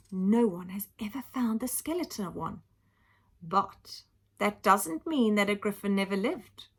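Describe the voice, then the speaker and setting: A woman reads a children's story aloud like a teacher, her voice lively, highly varied, creaky, and husky. She stresses dramatic words animatedly and pauses to explain them simply for young listeners.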